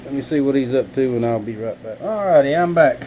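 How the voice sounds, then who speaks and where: A man's voice: medium pitch, animated, a little fast, warm tone, a little hiss or hum, poor audio. Folksy man in his workshop. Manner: rambling, folksy, talks to viewers as y'all. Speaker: knifemaker. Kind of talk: casual vlog chat. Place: home workshop.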